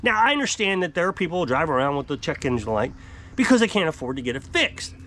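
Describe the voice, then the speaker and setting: A man in his fifties talks straight into a close camera on an outdoor porch, exasperated and emphatic. His voice sits high and swings widely in pitch as he rants, gesturing broadly. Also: sing-song, fast, fairly bright tone, a little hiss or hum. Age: 50s. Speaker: off-grid homestead vlogger. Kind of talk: frustrated rant to camera. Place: outdoor covered porch by woods.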